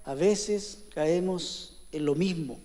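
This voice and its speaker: A man's voice: on the high side, slow pace, mellow, long reverb tail. A man preaching a sermon as pastor, talking conversationally and often checking in with the congregation. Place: church hall.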